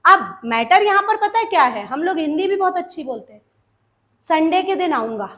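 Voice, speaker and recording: A woman's voice: extremely high pitch, lively intonation, fairly bright tone. A woman with an Indian accent teaching English grammar to exam students, calling them beta and drilling answers with questions. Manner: slows down and stretches out example sentences.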